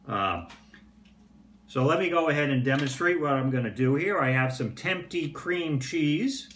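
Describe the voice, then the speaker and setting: A man's voice: on the high side, a little slow. Older man chatting in an echoey kitchen. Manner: relaxed, chatty, frequent "uh" fillers. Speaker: pipe-smoking home cooking vlogger. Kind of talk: casual home cooking demonstration. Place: home kitchen, indoors. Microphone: phone or camera on the table. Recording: roomy kitchen echo, faint background hum.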